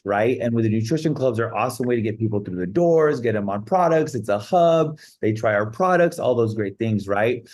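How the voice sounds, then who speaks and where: A man's voice: medium pitch, a little mellow. A man hosting a video call, introducing a guest speaker in a hyped-up way and tagging lines with "right?" and "guys". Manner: keeps saying "guys" and "right?". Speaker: host. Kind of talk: hype introduction.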